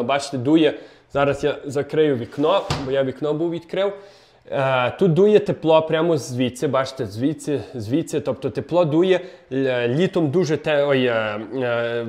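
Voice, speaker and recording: A man's voice: fairly high pitch, darkish tone. A young man casually showing a basement apartment on a handheld phone camera, chatty with many fillers and restarts. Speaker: vlogger giving a home tour. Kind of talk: casual walking tour vlog. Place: outdoors in snow, then indoors in a basement apartment.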